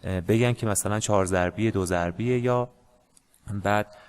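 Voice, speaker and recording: A man teaching a music lesson in a casual, hesitant way, with many pauses and fillers. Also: lowish voice, smooth. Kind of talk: casual screen-share lesson.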